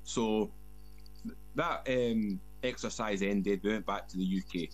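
A man's voice: lowish voice, measured pace, poor audio. A man from Scotland with a broad Scottish accent, telling casual anecdotes as a guest and often repeating words. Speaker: guest, former soldier.

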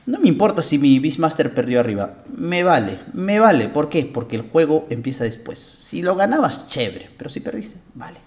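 A young man coaching players through a match replay. His talk is blunt, emphatic and salted with profanity. His pitch swings widely as he drives each point home. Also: very animated, a little fast, hardly any pauses, a little mellow. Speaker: game coach and streamer. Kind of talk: casual game analysis commentary.

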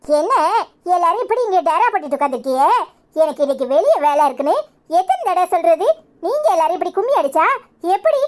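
A woman's voice: very high-pitched, sing-song, quick pace, a little mellow. A woman playing a bossy village housewife, grumbling and complaining in a Kanyakumari Tamil accent.

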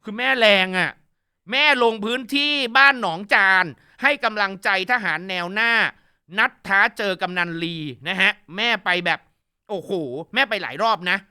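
A man hosting a casual news commentary show, animated and gossipy with crude jokes. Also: sits high, moderate pace, smooth.

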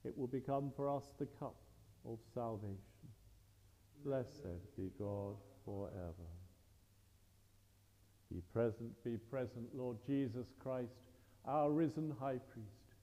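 A man leading the Mass as priest, reciting the prayers in a slow, measured, solemn way, his voice carried by a long cathedral echo. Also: medium pitch, warm tone. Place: large church. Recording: dull lo-fi recording in a reverberant church.

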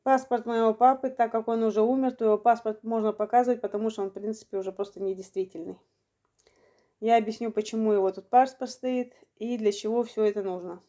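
A woman around fifty from Ukraine, telling a long personal story in a vlog, unhurried and matter-of-fact, slightly short of breath. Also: fairly high pitch, steady tone, warm tone. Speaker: vlogger.

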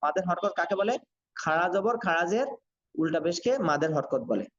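A man teaching Quran reading in an online class, sounding out syllables slowly and repeating them for learners. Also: on the high side, expressive, fairly bright tone. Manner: slow syllable-by-syllable drilling, repetitive. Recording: dull lo-fi sound.

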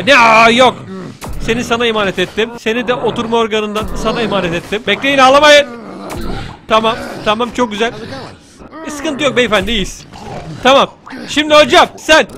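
A man doing playful let's play commentary, joking and teasing with excitable outbursts. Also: high-pitched, background noise. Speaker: gaming YouTuber.

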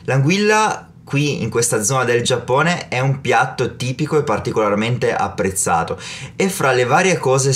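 A man's voice: medium pitch, a bit bright. A man in his thirties talking casually to camera as a travel vlogger, recorded in a small room. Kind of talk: casual talk to camera, snack tasting.

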